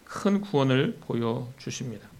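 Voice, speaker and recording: A man preaching a sermon as a pastor. His voice climbs and gets louder when he voices the complaints of the people, then drops low and soft to close each point. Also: lively intonation, unhurried. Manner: rises in pitch and volume when voicing complaints to God.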